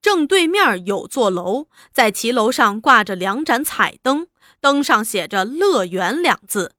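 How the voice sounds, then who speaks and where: A woman narrating a serialized novel in an expressive, lively storytelling manner. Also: fairly high pitch, unhurried, no room sound, clean studio sound. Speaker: audiobook narrator.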